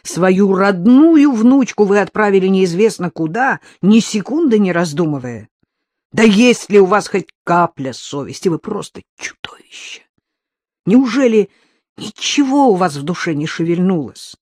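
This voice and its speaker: A narrator voicing a bold young woman who mocks and accuses loudly. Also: mid-range voice, animated, a little slow, no room sound, clean studio sound, voice pushed up. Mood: accusing. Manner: mocking, accusing, loud. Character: bold mocking young woman, fierce and defiant. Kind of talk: audiobook character voice.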